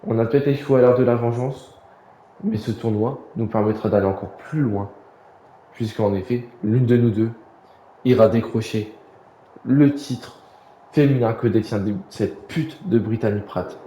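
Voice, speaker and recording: A man's voice: medium pitch, steady tone, a little slow, dark tone, echoey room, a little hiss or hum, lightly acted, poor audio. A man voicing an arrogant female tag team wrestler, boasting in a wrestling game promo. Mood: boastful. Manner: boastful, insulting.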